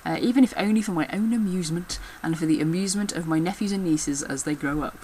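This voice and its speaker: A woman's voice: on the low side, quick pace, dark tone, slight background noise, low-quality recording. A middle-aged woman with a Midlands accent, chatting casually to camera in a rambling way and laughing often. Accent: English Midlands. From English Midlands. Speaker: vlogger. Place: room at home. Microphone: camera mic.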